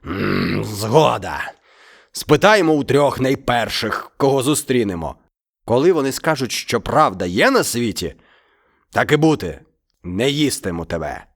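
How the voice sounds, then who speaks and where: A slow, gravelly storybook tiger, greedy and gloating, as a male narrator puts him on. He drags out every word with a growl, his pitch swooping up and down. Soft music plays behind him. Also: lively intonation. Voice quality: growly, drawn-out. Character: ungrateful hungry male tiger, gloating and menacing. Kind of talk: storybook reading.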